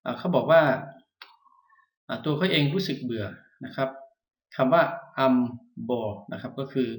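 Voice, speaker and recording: A man teaching English, reading a short dialogue aloud and explaining it line by line, with frequent pauses and fillers. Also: mid-range voice, expressive. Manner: patient, frequent "ah" fillers, polite particles. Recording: echoey room.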